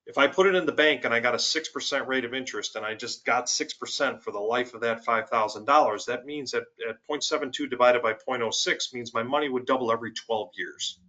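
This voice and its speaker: A man guesting on a finance webinar, his voice bright and forceful. He talks through worked examples with emphasis. The sound is dull and lo-fi, like a web call. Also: mid-range voice, a little fast, hardly any pauses. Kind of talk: webinar explanation.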